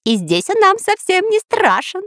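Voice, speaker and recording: A woman voicing an excitable, cheeky little male spy who shouts in a shrill, brash way. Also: takes it slowly, no echo, studio quality.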